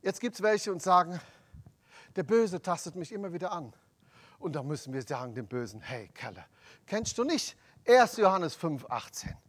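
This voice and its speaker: A man preaching a sermon, emphatic and rising to loud proclamations of scripture. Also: sits high, lively intonation, moderate pace.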